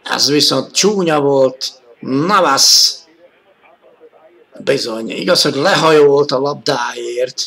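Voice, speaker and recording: A man giving live football commentary on an old 1980s television broadcast, excited and rising to shouts at key moments. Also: medium pitch.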